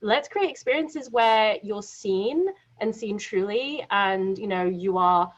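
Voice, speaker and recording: A woman's voice: medium pitch, takes it slowly. A woman, a game studio founder, speaking energetically on a panel discussion and laughing now and then as she explains. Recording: muffled lo-fi audio.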